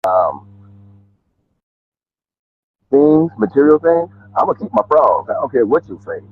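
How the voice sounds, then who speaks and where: A man's voice: fairly high pitch, big pitch swings, measured pace, vocal fry, husky, no echo. A middle-aged man talking in a laid-back, candid way over a call, his voice muffled as if heard through a wall. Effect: muffled, as if heard through a wall, from earbuds on a call. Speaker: family member calling into a talk show. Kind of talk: casual chat. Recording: muffled phone-like call audio.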